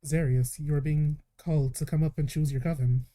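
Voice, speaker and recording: A man narrating a live tabletop game as game master, telling the story calmly and slipping into short in-character lines. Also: on the high side, brisk. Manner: calm storytelling with in-character asides.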